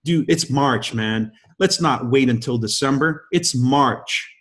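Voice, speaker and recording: His medium-pitched voice is slow and a bit bright. A man in his fifties guest-hosting a leadership call, he offers a motivational talk loaded with emphatic rhetorical questions.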